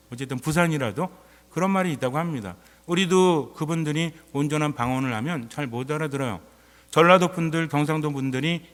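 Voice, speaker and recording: Priest preaching in a reverberant church. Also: male voice, a little high. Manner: conversational preaching, quizzing the congregation. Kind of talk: sermon. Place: church before a congregation.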